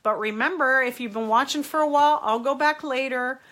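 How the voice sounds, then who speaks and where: On a live stream, a middle-aged host with a cold reads out viewer comments and tackles their questions, giving advice earnestly and emphatically. Despite the stuffiness, her voice is high-pitched and fairly bright, and her delivery is brisk.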